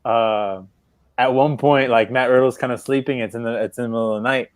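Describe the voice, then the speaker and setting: A man chatting about wrestling on a livestream, retelling scenes with plenty of energy and breaking into laughs. His voice sits at an ordinary pitch for a man. The sound is close and dry, with no room echo. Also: fairly quick. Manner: animated storytelling, laughs while retelling. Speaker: podcast co-host. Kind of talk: casual wrestling chat.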